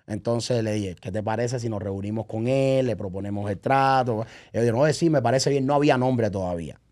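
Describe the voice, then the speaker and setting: This man speaks at a medium pitch, a little fast, with a darkish tone. He's a podcast guest and event promoter chatting casually, acting out remembered dialogue in animated stories and checking that the listener is following along.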